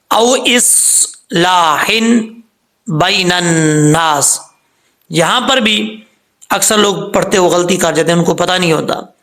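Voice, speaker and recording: High, gravelly male recitation teacher. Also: bright, forceful tone. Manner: patient, repeats common mistakes and corrections; slowly spells out letters and vowel marks. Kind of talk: step-by-step tajweed lesson.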